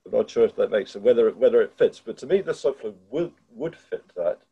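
An older man speaking on a video call through a headset from a room at home, thoughtful and halting, often restarting as he works out his ideas. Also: mid-range voice, expressive, dark tone, breathy edge. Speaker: participant in an online educators' discussion. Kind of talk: casual video-call discussion. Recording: dull, lo-fi video-call audio.

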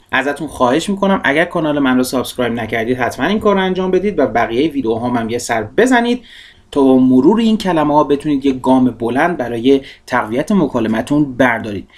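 A man teaching English vocabulary, reading example sentences slowly and repeating them, and drilling pronunciation word by word. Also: a little high. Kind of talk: vocabulary lesson.

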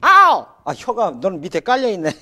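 A man hosting a televised English lesson, energetic and exclamatory, drilling phrases in Korean and English. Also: high-pitched, measured pace. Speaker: host of an English lesson show. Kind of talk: animated TV lesson presenting.

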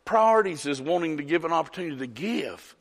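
A man's voice: on the high side, animated, quick pace, gravelly. A man preaching a folksy storytelling sermon, calling on congregants by name. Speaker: pastor. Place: church sanctuary. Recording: long church hall reverb.

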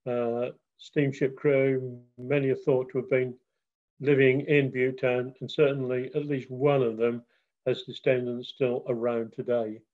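Guy doing a history slideshow on a call, flat even voice, dull muffled audio, lots of uhs. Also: medium pitch, unhurried. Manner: steady, with frequent uh fillers. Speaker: guest presenter.

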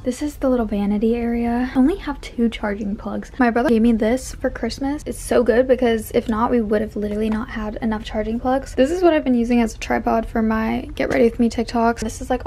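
A woman's voice: on the high side, darkish tone. A young woman vlogging casually from a cruise ship cabin into a handheld camera, chatty and full of "like". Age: young adult. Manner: chatty, filler-heavy with frequent "like". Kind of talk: casual vlog narration. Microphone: handheld vlog camera. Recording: noisy background, wind on deck.

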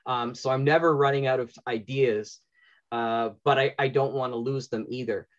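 Steady in tone and moderate in pace, a middle-aged man with a medium-pitched voice hosts a relaxed panel from home over a video call. The audio drama writer thinks aloud in a chatty way, though the lo-fi call sound is dull.

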